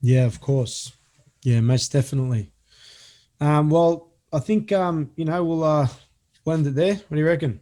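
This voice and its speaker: A man's voice: a little high, moderate pace, mellow. A man, speaking casually as a guest on a podcast. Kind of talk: casual chat.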